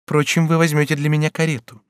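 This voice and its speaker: For an audiobook, a man voices a resolute, grave young woman, pitching his voice fairly high, above his natural register, with a level tone and light acting. He sounds firm, earnest and measured. The sound is clean, dry and studio quality.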